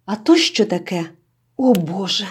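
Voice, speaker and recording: A woman's voice: animated, a little slow, husky. A woman voicing a bossy teenage village girl who shrieks and mocks in a storybook reading. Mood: mocking shrill. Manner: shrill, shrieking.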